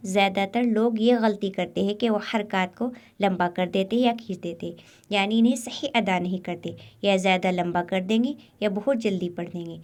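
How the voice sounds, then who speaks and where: Woman teaching Quran letter sounds, slow. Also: mid-range voice, a little mellow. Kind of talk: step-by-step lesson.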